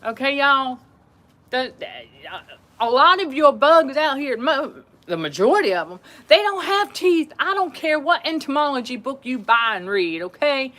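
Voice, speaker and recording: With big pitch swings in her high voice, this livestream host speaks at a moderate pace, sounding pushed and bright. Her voice carries as she talks animatedly and casually to viewers, laughing often and repeating phrases.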